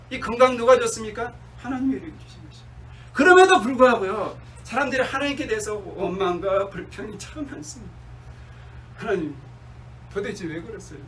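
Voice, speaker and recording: A male pastor preaching a sermon, asking his congregation questions and answering them himself, sometimes slowing down and dropping to a soft murmur. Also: extremely high pitch, distant mic, a little hiss or hum, rough recording. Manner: slows down and drops to a near-murmur on key words.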